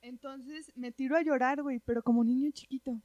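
A woman with a Mexican accent tells a personal story in a casual, animated, slangy chat, sprinkling "güey" throughout. Her voice is high and a little fast, and the audio is dull with no room sound.

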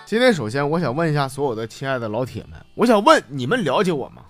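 A man's voice: fairly high pitch, quick pace, loud music behind the voice. A man with a Northeastern Chinese accent hosting a comedy podcast, telling jokes and laughing at them himself. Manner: lively, laughs at own jokes.

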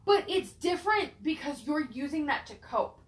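Female co-host, casual chat, slightly high voice, swears freely, stammers, roomy echo. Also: animated, moderate pace.

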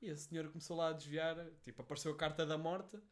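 A man's voice: on the high side, fairly even intonation, very fast. A young man with a European Portuguese accent, co-hosting a casual podcast chat in a joking, teasing, slangy way. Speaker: podcast co-host.

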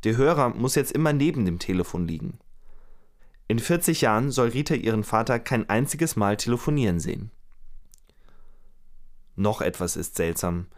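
A man telling a true crime story to a co-host in a relaxed, conversational way, acting out quoted lines now and then. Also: medium pitch, normal speed, pauses often. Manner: lively retelling with acted quotes. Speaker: podcast storyteller.

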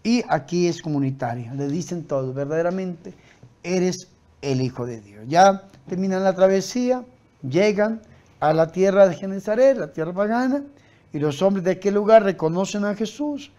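A male preacher with a high-pitched voice delivers his sermon with fervent emphasis. He repeats key phrases, pushing them louder, and acts out the voices in the stories he tells. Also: animated, moderate pace. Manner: emphatic, rising to loud repetitions.

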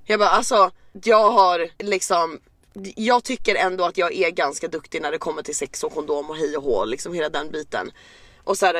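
A podcast co-host in casual storytelling chat, swearing freely and acting out their own and others' remarks. The telling is restless and halting, full of fillers and restarts. The sound is dry and close, with no room echo. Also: medium pitch, a bit bright. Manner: swears a lot, acts out own and others' lines.

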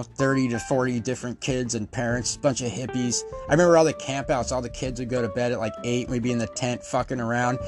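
A middle-aged man hosting a podcast, telling profane, animated stories and laughing often. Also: medium pitch. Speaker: podcast host. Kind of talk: casual storytelling.

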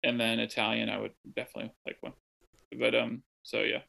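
A young Midwestern American man, an interview guest who works as a translator, joins a casual conversational interview over a remote call from home. His mid-range voice is gravelly and creaky yet bright and forward, with little pitch movement and a quick pace. Thoughtful and rambling, he thinks aloud, circling back with lots of ums and restarts.

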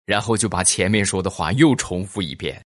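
A man's voice: low voice, brisk, heavy background noise. A man hosting a podcast, telling funny stories and reading listener comments while teasing his audience. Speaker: podcast host.

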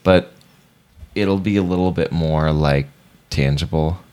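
Very deep-voiced man rambling casually. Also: measured pace, darkish tone, clear, resonant tone. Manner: rambling, restarts often, hedging fillers. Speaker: podcast co-host. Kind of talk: casual chat.

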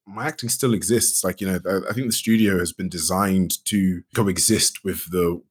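A man being interviewed as a guest, speaking in a relaxed, rambling way with many "you know"s and restarts. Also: low voice, normal speed, slightly rough. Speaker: guest, actor and game studio founder. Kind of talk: casual interview chat.

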